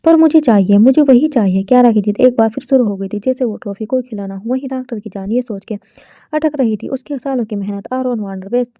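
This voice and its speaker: Female storyteller, soft steady reading, fairly high voice, lo-fi muffled sound. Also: fast, no room sound. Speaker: narrator. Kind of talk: storybook narration. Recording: dull lo-fi dry recording.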